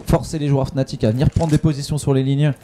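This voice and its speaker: A man giving live esports commentary in an excitable announcer style, repeating phrases for emphasis. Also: medium pitch, quick pace, background noise.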